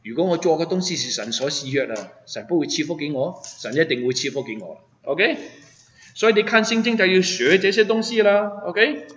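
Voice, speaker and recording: A man's voice: fairly high pitch, animated, fairly quick, fairly bright tone. Emphatic male pastor preaching in a hall. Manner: emphatic, asks the listeners rhetorical questions. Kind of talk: sermon. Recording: echoey hall, dull sound.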